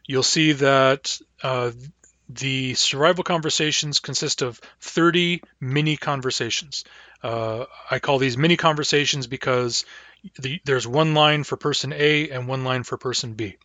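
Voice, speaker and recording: A man teaching a language class online, talking in a halting way with frequent fillers. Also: medium pitch, pushed and bright, no room sound.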